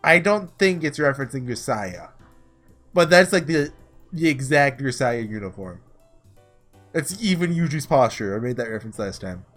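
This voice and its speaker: Over background music, a man reads through a visual novel in a casual let's-play, mixing his own musings with read-aloud dialogue. His medium-pitched voice is fairly bright and animated, and he speaks at a normal speed.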